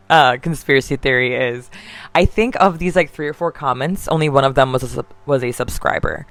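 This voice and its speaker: Deep-voiced woman giving chatty commentary. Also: fairly bright tone, no room sound. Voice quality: deep contralto voice. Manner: chatty, heavy on fillers, frequent restarts. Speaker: online drama commentator. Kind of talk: opinionated commentary monologue.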